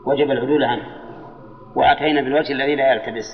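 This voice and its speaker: An older man teaching Arabic grammar to students in a lesson, slow and measured, drawing out the words of his examples and putting questions to the class. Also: mid-range voice, fairly even intonation. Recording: dull old lecture tape in a reverberant hall.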